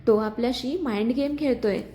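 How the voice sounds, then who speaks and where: A woman's voice: a little high, moderate pace, dark tone, lightly acted. A woman voicing a troubled young man haunted by his past, speaking in a firm, brooding way in a spoken story. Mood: tense.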